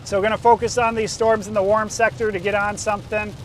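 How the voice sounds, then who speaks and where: A man's voice: sits high, little pitch movement, fast, slight background noise. An American man giving casual live commentary as a storm chaser, thinking aloud while driving. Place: inside a moving car.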